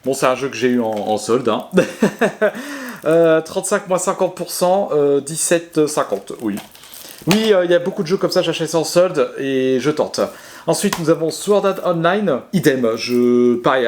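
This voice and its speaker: Talking casually to camera, this man walks viewers through his video game collection, hesitating often, restarting sentences and laughing at himself. He has an animated, higher-than-average voice at a moderate pace, with a faint hiss or hum in the recording.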